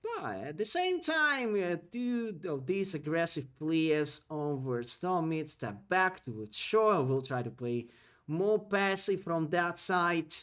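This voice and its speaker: Commentating an esports match on his own in non-native English, this caster speeds through excitable calls whose pitch rises as the action heats up. Between rounds he turns to chat with his viewers.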